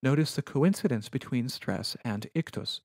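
A man giving a recorded Latin lecture over slides, explaining rules in a measured, precise manner. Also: medium pitch, expressive, gravelly, a little mellow, no echo, studio quality.

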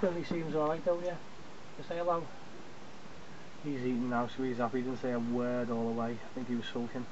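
A man's voice: mid-range voice, fairly even intonation, a little fast. A man, recording a chatty, rambling video diary at arm's length on a small sailboat. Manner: chatty, rambling with many ums. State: exhausted. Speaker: solo sailor. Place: small sailboat at sea, outdoors. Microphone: camera held at arm's length. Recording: dull sound with loud wind noise. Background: wind and water noise.

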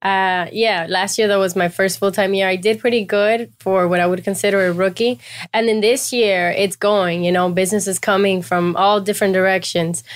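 A woman's voice: medium pitch, fairly even intonation, moderate pace. A young woman born in Cuba, a realtor guest on a podcast, explaining her business at length in casual chat. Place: small office studio. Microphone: boom mic on desk.

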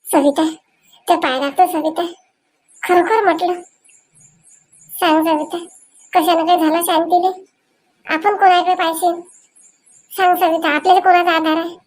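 A woman performs in a rural comedy sketch. Her voice sits very high, and she pleads and coaxes with quick, repeated calls of names. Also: steady tone. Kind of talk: comic sketch acting.

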